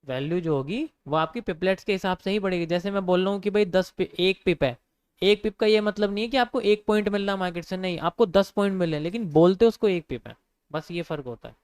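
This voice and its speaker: Smooth-voiced young man teaching live. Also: sits high, fast talker, dry recording. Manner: casual, repeats points, addresses viewers as bro. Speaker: trading teacher. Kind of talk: live online trading lesson.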